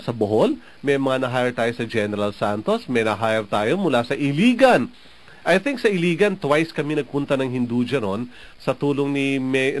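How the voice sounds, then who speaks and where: A man from the Philippines hosting a program, giving casual advice to listeners in a chatty way, often tagging "no?" onto his sentences. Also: mid-range voice. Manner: chatty, often adds "no?" and laughs. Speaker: radio program host.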